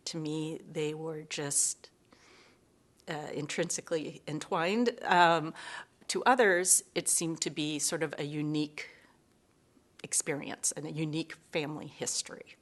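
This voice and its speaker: A middle-aged woman from Seattle, giving a thoughtful, earnest museum interview with frequent pauses and fillers. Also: low voice.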